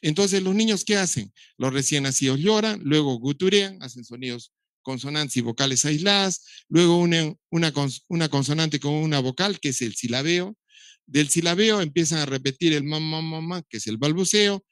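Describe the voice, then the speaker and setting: A man's voice: fairly high pitch, normal speed, fairly bright tone, dry recording. A middle-aged man, giving a recorded lecture on how children learn to speak, explaining step by step with touches of dry humor. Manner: explanatory, imitates baby sounds, dry humor. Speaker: doctor lecturing on child development.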